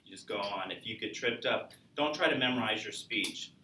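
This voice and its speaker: A man's voice: lowish voice, normal speed, bright, forceful tone, distant mic, a little hiss or hum. A man teaching a public speaking class, lecturing conversationally and asking students questions. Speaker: college speech instructor. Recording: echoey classroom recorded from afar.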